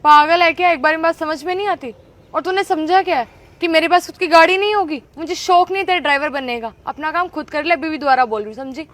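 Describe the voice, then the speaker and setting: A woman's voice: high-pitched, fast talker, fairly bright tone. A woman playing a sneering, arrogant young woman. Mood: contemptuous. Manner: sneering, mocking. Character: arrogant, insulting young woman, scornful of elders. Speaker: rude ex-girlfriend. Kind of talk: acted short skit.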